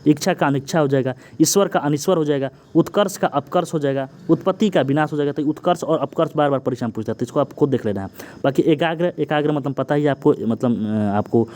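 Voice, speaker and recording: A young man teaching an exam-prep Hindi grammar lesson, running quickly through word lists and often checking in with the students. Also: a little high, a little mellow. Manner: rapid list-reading with frequent "ठीक ना" checks and "Babu" address.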